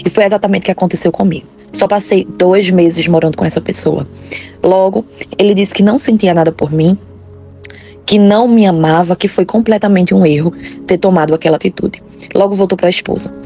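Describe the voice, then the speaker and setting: A woman's voice: lowish voice, a little fast, dark tone, soft background music. A woman narrating a first-person testimony in an earnest, grave, confessional manner.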